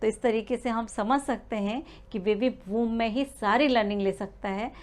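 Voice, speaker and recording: A woman with a somewhat high-pitched voice gives an explainer lesson to pregnant mothers. She talks things through at an easy teaching pace, pausing on "uh" and correcting herself mid-word now and then. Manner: explanatory, many "uh" fillers and restarts. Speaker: prenatal learning coach.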